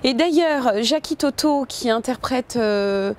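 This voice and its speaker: A woman with a high voice discusses her work as a film director in an interview. She speaks informally and thoughtfully, pausing often and restarting her sentences. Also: animated, a little mellow. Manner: thoughtful, many hesitations and restarts; informal, addresses listener with "tu vois".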